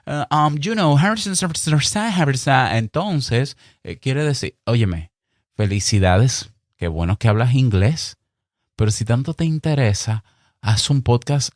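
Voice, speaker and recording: A man with a Dominican Spanish accent giving podcast advice in a clear, deliberate, emphatic way, acting out little exchanges. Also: medium pitch, lively intonation, a little mellow, no room sound, studio quality. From Dominican Republic. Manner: emphatic, chatty, mock-acts little dialogues. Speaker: podcast host. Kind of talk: solo podcast advice monologue.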